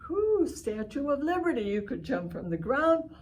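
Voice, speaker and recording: A woman with a high, sing-song voice reads a picture book aloud to children at a moderate pace as the leader of a reading session. Her tone is a little mellow, with a slight hiss or hum in the recording. She exaggerates her emphasis, exclaims, and adds simple asides, explaining things plainly to her young listeners.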